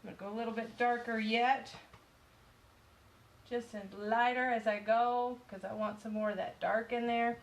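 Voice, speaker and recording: A woman's voice: fairly high pitch, steady tone, normal speed, poor audio. Chatty Southern woman painting live. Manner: loose, chatty, talks through each step. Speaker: painting instructor. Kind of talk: live-stream painting tutorial. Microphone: phone on live stream.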